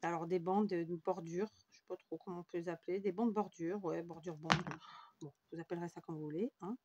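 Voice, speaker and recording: A woman's voice: fairly low pitch, steady tone, fairly quick, highs cut off, heavy background noise. Chatty French woman doing a craft tutorial. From France. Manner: rambling and self-mocking, talks while working. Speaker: scrapbooking video host.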